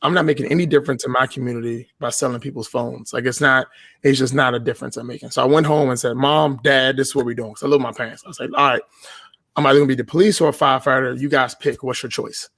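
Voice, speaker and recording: A man's voice: medium pitch, fairly even intonation, fast talker, creaky, fairly bright tone, dry recording. A man in his thirties, a podcast guest, telling casual stories in a blunt, profane way and often laughing as he talks. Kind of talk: casual storytelling.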